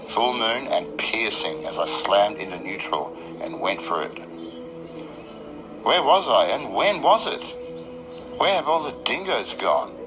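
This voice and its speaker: Over electric guitar music, a low-voiced Australian man performs first-person radio narration with drama and a wry, literary beat-poet flair. The audio quality is poor.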